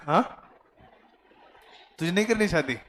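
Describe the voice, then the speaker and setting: A man teaching a commerce class, questioning students and explaining slowly in a classroom. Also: high voice, lively intonation, fairly bright tone. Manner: mixes Hindi, Marathi and English, quizzes students; slow, deliberate explaining. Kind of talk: classroom lecture.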